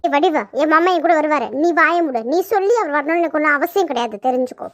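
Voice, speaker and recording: A woman's voice: high-pitched, fast, dry recording, clean studio sound, close to an everyday voice. A woman voicing a clingy young woman in a cartoon who coaxes and pleads in a wheedling way. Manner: wheedling, coaxing. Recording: dull lo-fi sound.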